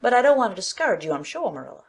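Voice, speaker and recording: Woman doing a nosy middle aged busybody lady for an audiobook, blunt n emphatic, really animated pitch. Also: very fast, breathy edge. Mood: gloomy disapproval. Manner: outspoken, emphatic. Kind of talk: dramatized audiobook acting.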